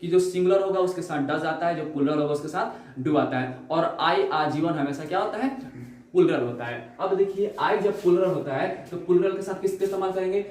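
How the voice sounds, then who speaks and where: A male teacher giving a grammar lesson, asking rhetorical questions and slowing down to stress each example sentence. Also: high voice, a little mellow. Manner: explains in Hindi, repeats key points with rhetorical questions. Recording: echoey room sound.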